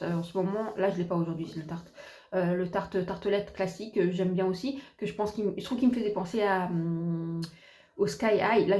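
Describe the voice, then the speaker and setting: A woman's voice: mid-range voice, dark tone. A woman reviewing finished beauty products in a chatty, hesitant way, full of fillers and restarts. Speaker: beauty vlogger. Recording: echoey room.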